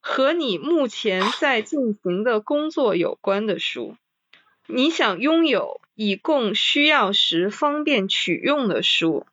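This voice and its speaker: A woman in a casual podcast chat about books, reading list items slowly and then commenting with sighing interjections. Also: a little high, very animated, fairly bright tone, dry recording, highs cut off.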